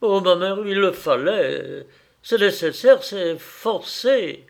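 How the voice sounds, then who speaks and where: A man's voice: on the high side, lively intonation, slow pace, gravelly, full character voice. A man voicing a feverish young son who speaks in emphatic, impassioned outbursts. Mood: anguished.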